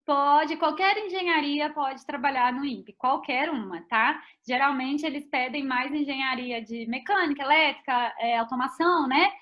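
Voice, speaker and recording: A woman's voice: high-pitched, moderate pace, few pauses. A Brazilian woman scientist giving a casual online talk, chatty, tagging her sentences with little questions. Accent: Brazilian Portuguese. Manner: chatty, frequent "tá?" and "né?" tags. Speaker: invited scientist speaker. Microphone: video call. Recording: dull lo-fi video call audio.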